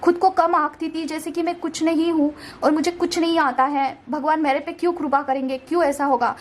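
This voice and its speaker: A woman's voice: high-pitched, steady tone, fairly quick. A young woman giving a casual, reassuring tarot card reading, mixing English words into her Hindi. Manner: gentle, reassuring, keeps saying "theek hai".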